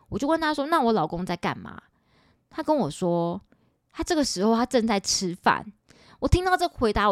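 A podcast host in her forties with a Taiwanese Mandarin accent tells a personal story in an animated, chatty, dramatic way, acting out quoted dialogue. Her voice is mid-range, and the recording is clean studio audio with no room sound.

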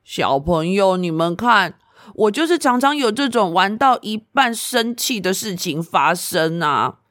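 A sulky little boy who loses his temper easily, as a woman reads him aloud. He whines in slow, drawn-out complaints, his pitch swinging up and down, in a dry, close recording. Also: lively intonation, fairly bright tone, no room sound. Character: grumpy, easily upset little boy Wyatt. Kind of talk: storybook reading for children.

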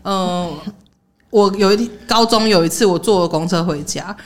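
A young woman with a Taiwanese Mandarin accent, co-hosting a podcast and telling a story in a lively, casual way, often laughing and acting out the people she quotes. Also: mid-range voice, moderate pace. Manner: animated, acts out quoted voices, laughs often. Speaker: podcast co-host.

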